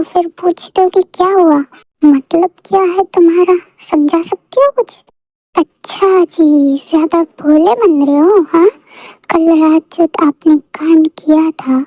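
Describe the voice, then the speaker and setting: A woman's voice: very high voice, mellow, no echo. A woman voicing a bossy, sulky young wife who scolds and teases her husband in a fan audio story. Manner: scolding, pouty, dramatic. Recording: dull lo-fi dry recording.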